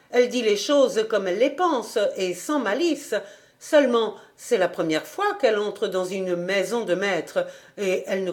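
A woman's voice: medium pitch, close to an everyday voice. A woman voicing an eager young country woman who chatters deferentially to her superior in a storybook reading.

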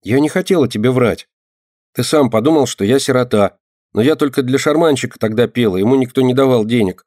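A man's voice: a little fast, darkish tone, no echo, studio quality, lightly acted. A man voicing a small tearful girl. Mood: pleading. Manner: pleading, tearful, raised higher voice. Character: small stubborn girl, quick to cry. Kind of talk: audiobook reading.

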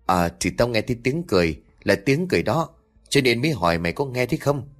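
A man's voice: medium pitch, sing-song, quick pace, faint music behind. A man voicing a frightened, superstitious male truck driver warning his nephew. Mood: scared. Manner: anxious, trembling.

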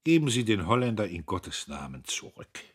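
Brief: male reader as a sober, worldly salesman, cool and businesslike, husky low voice. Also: big pitch swings, normal speed. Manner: cool and matter-of-fact.

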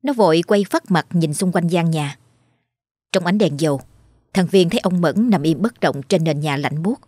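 A woman narrating a horror story in a steady, dramatic way. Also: on the low side, normal speed, breathy edge, no room sound, studio quality. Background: faint music.

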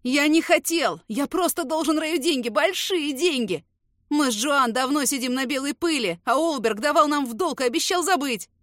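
A woman's voice: high-pitched, moderate pace, dry recording, clean studio sound, pitched above the performer's own voice, lightly acted. A woman voicing a cowardly young man who wails and pleads through tears. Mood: sobbing. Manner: wailing, pleading, crying.

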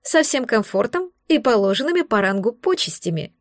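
A woman voicing a sardonic female android ship assistant who reports in a crisp, matter-of-fact way. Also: fairly high pitch, big pitch swings, moderate pace, no echo, clean studio sound. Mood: dry.

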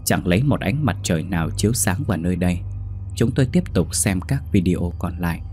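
A man narrates a first-person ghost story in a steady, measured way, his voice sitting very low. Quiet music hums faintly underneath the reading.

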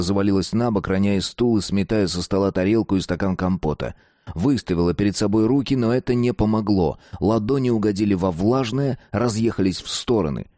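A man reading a dark story aloud, slow and deliberate. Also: fairly low pitch, no room sound, studio quality. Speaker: narrator. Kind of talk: scripted narration of a dark story.

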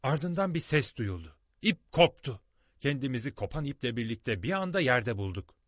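Expressive male audiobook narrator. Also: mid-range voice, fairly quick, no echo, clean studio sound. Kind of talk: storybook narration.

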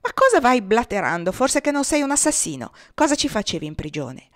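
A woman voicing a fierce, foul-mouthed woman who leads a rough band, scolding and bossy. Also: on the high side, animated, moderate pace, voice pushed up, natural voice.

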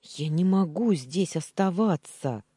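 A woman's voice: very deep voice, very animated, slow pace, dark tone, breathy edge, no room sound, heavily acted. Woman reading a defiant captive young woman. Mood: defiant, upset. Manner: defiant, snapping, pleading.

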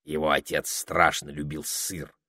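A man's voice: a bass voice, flat delivery, unhurried, bright, forceful tone, dry recording, clean studio sound, full character voice. A man voicing a bossy, snappy male parrot in an audiobook. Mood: chatty. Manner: snappy, chatty, impatient. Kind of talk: audiobook character voice.

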